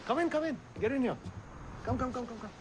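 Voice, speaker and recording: A man's voice: extremely high pitch, lively intonation, fast, background noise. An actor playing a cheeky young man running a prank, teasing with mock innocence.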